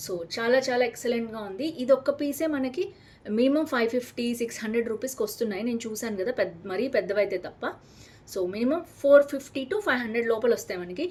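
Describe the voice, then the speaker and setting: Fast-talking chatty Telugu woman vlogger. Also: a little high, darkish tone. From Hyderabad, India. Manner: chatty, enthusiastic, mixes English words into Telugu. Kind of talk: casual product unboxing vlog.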